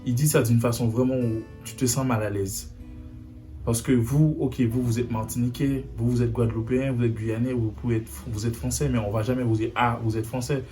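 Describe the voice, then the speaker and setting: A man's voice: medium pitch, fairly even intonation, brisk, mellow. A young man from Haiti speaking earnestly to camera in a personal video message, often repeating himself to drive his point home. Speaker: vlogger. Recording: faint guitar music behind.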